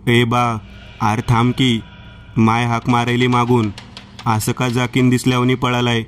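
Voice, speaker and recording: A village boy calls out to his father in blunt, rustic speech, read by a man telling a horror story. The voice stays flat and even at a middling pitch. A faint hiss lies beneath it. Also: measured pace, close to an everyday voice. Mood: urgent.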